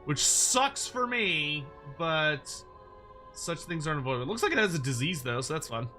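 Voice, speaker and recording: A man's voice: a little high, expressive, normal speed, bright, forceful tone. A man giving casual, playful game commentary with wry asides, as a streamer talking to viewers. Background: music behind the voice.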